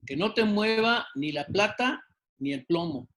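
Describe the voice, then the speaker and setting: A man with a notably high voice speaks as an interview guest. He talks slowly and emphatically like a preacher and stumbles on fillers now and then. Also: animated, a bit bright, rough recording. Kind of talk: exhortation in an interview.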